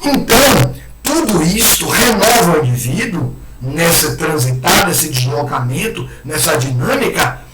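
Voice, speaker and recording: A man with a hoarse throat giving an animated spiritist lecture, acting out the words of imagined people. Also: high-pitched. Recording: echoey room, far mic, loud noise.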